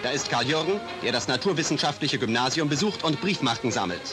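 A man's voice: medium pitch, lively intonation, fast. A man announcing in a formal 1950s newsreel narration style, heard as an old newsreel soundtrack. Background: music.

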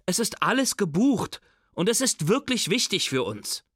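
A man's voice: high-pitched, sing-song, moderate pace, a bit bright, no echo, studio quality, pitched above the performer's own voice, heavily acted. A man voicing a worried, indignant father in a children's book reading, sounding dismayed and pleading. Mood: upset.

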